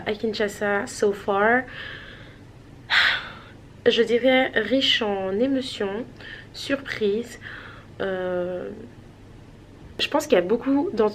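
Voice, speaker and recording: A woman's voice: medium pitch, slight background noise. A woman from Switzerland chatting casually to her vlog viewers, rambling with many hesitations. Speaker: vlogger.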